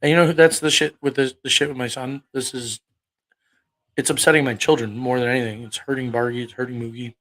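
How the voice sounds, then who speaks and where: On a poor-quality livestream recording, a thirties-aged preacher trades profane, combative barbs with his chat and keeps throwing out rhetorical questions. His mid-range voice is a bit bright, his delivery flat, and his pace fairly quick.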